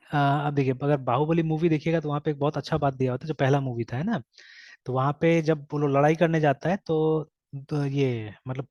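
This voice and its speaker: A man's voice: fairly high pitch, a little mellow, dry recording. A man teaching a programming class who mixes Hindi and English, repeats his points and keeps saying "okay" as he explains step by step. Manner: mixes Hindi and English, says "theek hai" constantly. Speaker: programming instructor. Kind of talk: live coding lecture. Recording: dull, dry lo-fi mic sound.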